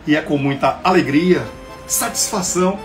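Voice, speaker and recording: A man hosts a live-streamed interview over a video call. His voice sits a little high and his phrasing is ceremonious and flowery. Faint music plays behind him. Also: normal speed, poor audio. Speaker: host, professor.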